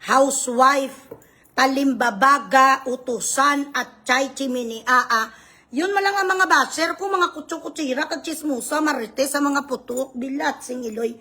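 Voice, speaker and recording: A woman on a livestream, launching into a profane, insulting tirade and at times shouting. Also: sits high, unhurried. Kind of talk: angry livestream rant.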